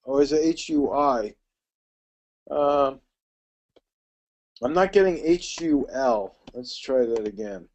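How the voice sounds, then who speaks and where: A middle-aged man teaching a live trading webinar. He talks quickly and chattily and calls attendees by name. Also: mid-range voice, animated, a little mellow.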